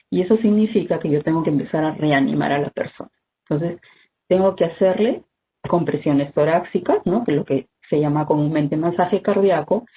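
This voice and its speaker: A health instructor, giving an online first-aid training talk in a measured, explanatory way, often ending points with "¿no?". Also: medium pitch. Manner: measured, explanatory, frequent "¿no?" tags and "este" fillers. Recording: tinny phone-like video call audio with faint noise.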